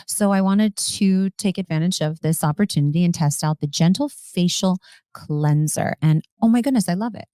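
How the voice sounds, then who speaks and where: A woman's voice: fairly low pitch, moderate pace, mellow, dry recording, studio quality. A woman hosting a podcast in a casual, upbeat, chatty way, enthusing about products. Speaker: podcast host. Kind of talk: casual chat.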